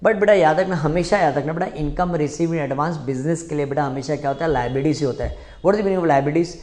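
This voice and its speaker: A male accountancy teacher gives a classroom lecture. He mixes in English, calls his students "beta", answers his own questions, and spells out key phrases slowly over and over. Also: on the high side, a little mellow.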